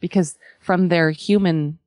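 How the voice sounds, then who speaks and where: A woman spiritual teacher giving a conversational talk to followers, emphatic, pausing often and checking in with tag questions. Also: lowish voice, steady tone, a little mellow, no echo, clean studio sound.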